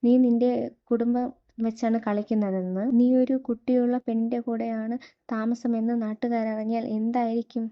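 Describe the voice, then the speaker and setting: Woman voicing a reproachful middle-aged mother; flat, slightly high, dull sound. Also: normal speed, natural voice.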